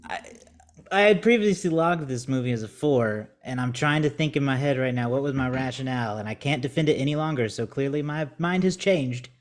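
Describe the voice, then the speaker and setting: A man co-hosting a movie podcast in casual chat, easygoing, often chuckling and pausing on fillers. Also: mid-range voice. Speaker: podcast co-host.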